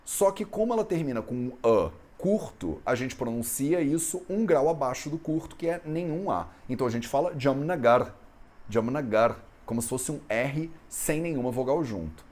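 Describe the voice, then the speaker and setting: A man's voice: medium pitch, lively intonation, normal speed, hardly any pauses, darkish tone. A man from Brazil teaching an Ayurveda lesson in a conversational way, often ending phrases with a questioning tag. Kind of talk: explanatory lesson on Sanskrit texts.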